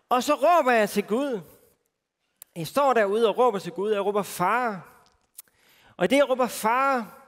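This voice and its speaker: A Danish man with a high-pitched voice preaches a sermon built around his own faith story, keeping it casual, poking fun at himself, and using lots of fillers. He's on a festival stage, and a long hall reverb trails his words.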